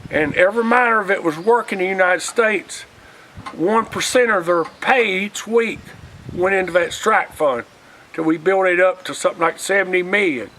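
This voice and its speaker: Pushed and bright, his voice sits high and keeps a moderate pace, though the rough recording carries some hiss or hum. An elderly storyteller from Alabama who once organized for unions, he wanders through casual, folksy memories, often recounting exchanges word for word.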